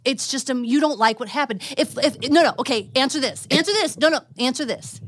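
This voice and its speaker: A woman's voice: sits high, lively intonation, a little fast. A woman co-hosting a podcast, arguing her point in an insistent, casual debate. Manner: insistent, argumentative. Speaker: podcast co-host.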